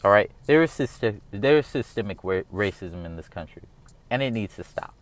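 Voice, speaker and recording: A man's voice: lowish voice, lively intonation, moderate pace. A man in his thirties from the United States, talking through his opinions in a casual, earnest monologue that rambles and keeps circling back with "all right?". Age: 30s. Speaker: vlogger.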